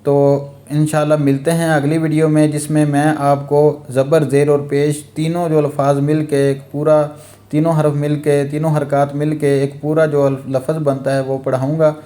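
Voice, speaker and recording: Mellow-voiced man drilling Quran letters. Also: on the high side, flat delivery. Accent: Pakistani Urdu. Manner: slow repetitive spelling drills, letter by letter; explains quickly between drills. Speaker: Quran reading teacher. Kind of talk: Noorani Qaida phonics lesson.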